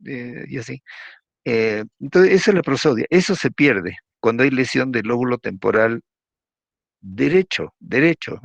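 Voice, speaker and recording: A man's voice: mid-range voice, creaky, no echo. A man giving a university lecture in a chatty way, often ending sentences with a question. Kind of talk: online class lecture. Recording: dull lo-fi recording.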